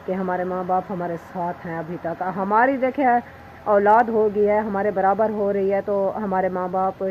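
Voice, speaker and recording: A woman's voice: medium pitch, steady tone, normal speed, lo-fi sound, slight background noise. A woman vlogging at her village home, talking in a soothing, pleading way and speaking to viewers with heartfelt emotion, recorded on a handheld camera. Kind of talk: casual vlog talk to camera.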